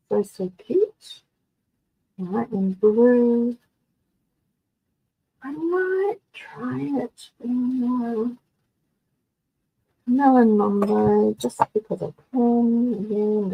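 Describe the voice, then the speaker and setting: A woman's voice: on the high side, drawn-out words, vocal fry, pauses often, husky, phone-quality sound. A woman running a live card-making tutorial, chatting through each step for her viewers. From Australia.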